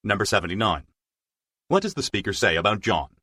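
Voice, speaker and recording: A man reading scripted exam narration as a test narrator, in a formal, measured way. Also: fairly low pitch, big pitch swings, pushed and bright, husky, dry recording, clean studio sound.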